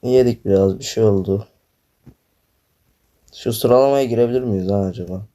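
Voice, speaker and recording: A young man commenting on his own gameplay, groaning, swearing and complaining loudly as he plays. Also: fairly low pitch, moderate pace. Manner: frustrated, swearing, groaning, yelping. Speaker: gaming YouTuber.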